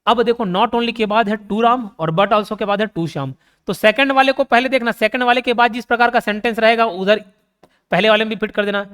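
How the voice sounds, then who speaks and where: High-voiced man teaching grammar. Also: fairly quick, fairly bright tone, clean tone, big-room sound. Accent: Chhattisgarh Hindi. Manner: explains step by step, asks and answers his own questions. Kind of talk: grammar lesson.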